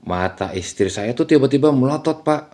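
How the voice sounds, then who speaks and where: A man's voice: medium pitch, expressive, normal speed, a little mellow, voice pushed up, natural voice. A man voicing a worried village husband recounting to a cleric how his wife suddenly became possessed. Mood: earnest. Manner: earnest, explaining, addresses listener directly.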